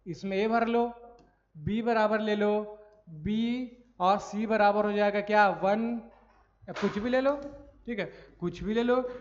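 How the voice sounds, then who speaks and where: A man gives a recorded maths lecture in a high voice, walking through each step and answering his own questions. He keeps checking that the class follows. The audio is dull and lo-fi, with a long echo from the room. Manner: frequent checks for understanding. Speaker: maths teacher.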